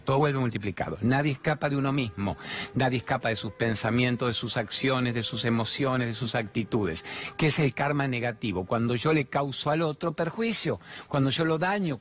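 Animated Argentine man preaching over faint music. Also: medium pitch. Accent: Argentine Spanish. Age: 50s. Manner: animated storyteller, rhetorical questions. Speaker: host of a spiritual talk show. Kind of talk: spiritual monologue.

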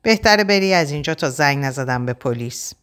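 A woman's voice: sits low, animated, fairly bright tone. A woman voicing a fierce, protective young woman who speaks sharply and defiantly in an audiobook. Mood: hostile.

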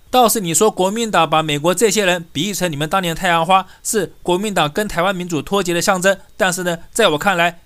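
A man's voice: high-pitched, fairly bright tone. A man delivering a scornful political rant, firing off insulting rhetorical questions. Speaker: political commentator. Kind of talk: ranting political commentary.

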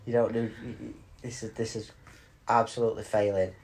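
A man's voice: on the low side, little pitch movement, fairly quick, a little mellow, slight background noise. A middle-aged man, co-hosting a casual podcast with a playful, teasing and mock-stern manner. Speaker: podcast co-host. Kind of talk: casual chat.

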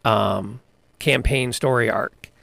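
Here the same game master and podcast co-host tells tabletop stories in a relaxed chat, full of enthusiasm and false starts. He speaks slowly in a mid-range, creaky, fairly bright voice with fairly even intonation and no echo.

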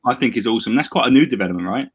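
A man's voice: mid-range voice, animated, racing, husky. A man with an Essex, London accent hosting a casual podcast interview. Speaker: podcast host.

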